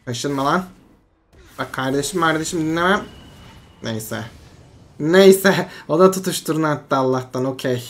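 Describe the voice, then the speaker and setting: A game streamer giving casual, excitable commentary over their own match, swinging between frustration and hype and talking themselves back to calm. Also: mid-range voice, a little fast. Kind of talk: live gameplay commentary.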